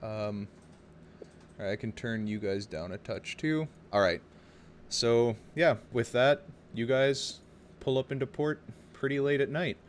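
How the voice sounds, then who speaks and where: A man's voice: medium pitch, a little slow, a little hiss or hum. A man narrating a tabletop game as game master, informal and hesitant, improvising as he goes. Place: home, over online voice chat. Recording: home voice chat with background ambience.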